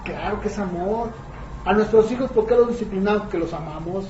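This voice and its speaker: A man's voice: high-pitched, brisk, darkish tone, a little hiss or hum. A man preaching a conversational sermon, often asking the congregation rhetorical questions. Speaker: pastor. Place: church hall. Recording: echoey, dull lo-fi church room recording.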